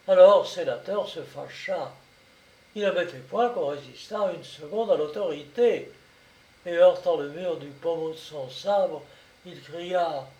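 A man narrating a classic short story aloud in a measured, expressive reading. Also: fairly high pitch, distant mic. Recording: echoey room, voice set back from mic.

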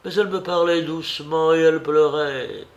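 A man reading aloud, voicing a young servant woman who speaks in a calm, commanding way. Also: fairly high pitch, moderate pace, reverberant, highs cut off, voice pushed up, close to an everyday voice. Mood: confessing. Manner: cold, commanding, quiet.

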